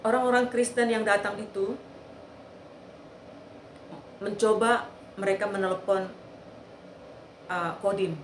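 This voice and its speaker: A woman's voice: mid-range voice, fairly even intonation, takes it slowly, pauses often, a little hiss or hum. A woman giving an earnest eyewitness testimony, telling the story with repetition. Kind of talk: personal testimony. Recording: echoey room.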